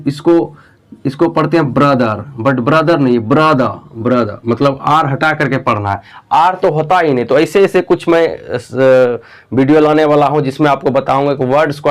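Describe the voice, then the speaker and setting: A young man with a Bihari Hindi accent teaching an English-speaking lesson, calling out to his dear students and repeating words slowly to model how they sound. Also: mid-range voice. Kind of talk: whiteboard classroom lesson.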